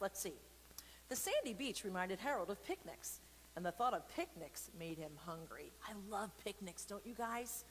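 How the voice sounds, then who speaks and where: In an echoing hall with background noise, an adult woman with a mid-range voice reads a picture book aloud for children during an online church service. She's chatty and playful, drifting into comically exaggerated tangents and putting questions straight to her audience.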